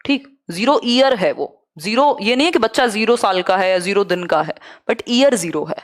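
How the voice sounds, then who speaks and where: A woman's voice: medium pitch, animated, moderate pace. A young adult woman with a Hindi accent teaching a live online exam-prep lecture, explaining with rhetorical questions and English terms.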